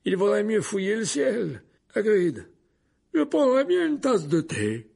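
A man's voice: a little high, big pitch swings, slow, husky, pitched above the performer's own voice, full character voice. A man voicing an amused, wise old male wizard headmaster in an audiobook. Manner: gently amused.

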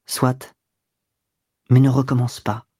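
A man's voice: mid-range voice, steady tone, normal speed, darkish tone, no echo, clean studio sound, close to an everyday voice. A narrator voicing a spirited young woman who turns cold and curt when crossed, in an audiobook reading. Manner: cold, curt, disdainful replies. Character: spirited young woman, proud, quick to anger. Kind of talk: audiobook dialogue.

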